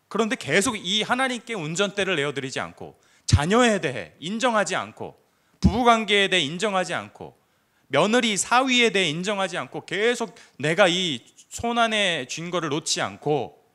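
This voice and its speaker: A man preaching a sermon to his congregation, explaining a passage in an animated way and acting out short quoted lines. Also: fairly high pitch. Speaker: pastor. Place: church.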